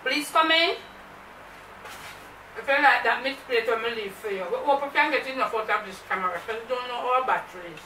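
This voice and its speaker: High bright Jamaican woman hosting a food vlog, chatty, mixes in patois, echoey room, far mic. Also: a little fast, slight background noise. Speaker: mukbang vlog host. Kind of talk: casual chat to camera.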